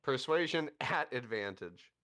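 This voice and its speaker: A man runs a tabletop game as game master. His narration is animated and full of laughs. His pitch swings widely. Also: unhurried.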